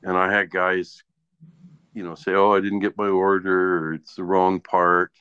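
A small business owner and online seller grumbles his way through a casual chat, blunt and full of swearing. His low-pitched voice is clear and resonant, delivered flatly and a little slowly. The sound is dull and lo-fi, captured in an echoey room.

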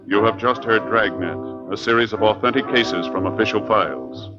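A man's voice: on the low side, animated, moderate pace, over loud music. A man announcing from a script in a formal, official 1950s radio style, on a dull old broadcast recording. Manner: formal, crisp official delivery.

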